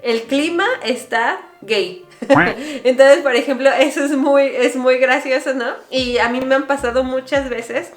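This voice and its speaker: A young Mexican woman vlogging in a chatty, explaining way, piling up examples and asides. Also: high-pitched. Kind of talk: casual explainer vlog. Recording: roomy echo, faint music behind.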